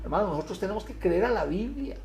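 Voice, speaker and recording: A man preaching a sermon with emphatic delivery, rising into loud declamation when he reads scripture aloud. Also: sits high, sing-song, fast talker, creaky, roomy sound, slight background noise.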